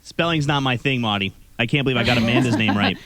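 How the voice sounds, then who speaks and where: A man's voice: medium pitch, fast talker, fairly bright tone, no room sound. Male morning radio host, breezy, dry close sound, mid voice. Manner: breezy, plugs the show and spells out web addresses. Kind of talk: live radio studio chat. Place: radio studio.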